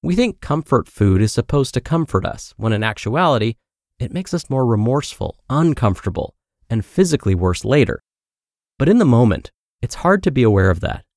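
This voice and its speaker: A man hosting a podcast, reading a blog post aloud in a steady, clear way and then adding his own commentary with light self-aware humor. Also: medium pitch, a little fast, dry recording, clean studio sound. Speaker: podcast host.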